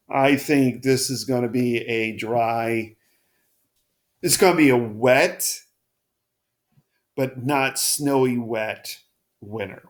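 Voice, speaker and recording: A man of medium pitch talks through a relaxed weather forecast in front of a map. His voice sounds hoarse and froggy, and he keeps breaking off and restarting.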